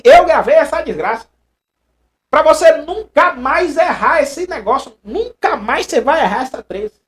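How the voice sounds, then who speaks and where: A man with a Brazilian accent teaching a live online exam-prep lesson, animated and chatty, repeating phrases and reading viewers' messages aloud. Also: extremely high pitch. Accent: Brazilian Portuguese.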